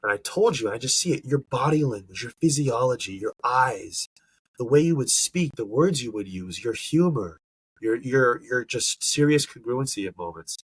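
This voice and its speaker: In a casual podcast chat, a co-host congested by allergies speaks earnestly and emphatically, often hunting for the right word. He has a husky, expressive medium-pitched voice at normal speed, recorded with no room sound and poor audio.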